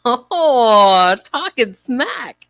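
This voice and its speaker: A woman's voice: on the high side, big pitch swings, drawn-out words, a bit bright, no echo. A woman from Brooklyn with a Brooklyn accent, co-hosting a casual podcast and laughing often. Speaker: podcast co-host.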